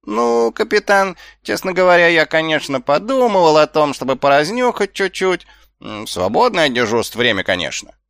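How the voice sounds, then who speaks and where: A man's voice: lowish voice, big pitch swings, fairly bright tone, dry recording, clean studio sound. A man doing a shifty, sly little watchman. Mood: wheedling. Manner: slow sing-song chanting, then wheedling.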